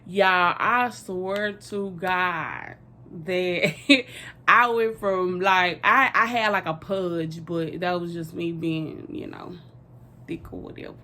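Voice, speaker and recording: A woman's voice: lowish voice, slow pace, bright, forceful tone. A young woman, telling a personal story in a rambling, casual way with lots of fillers.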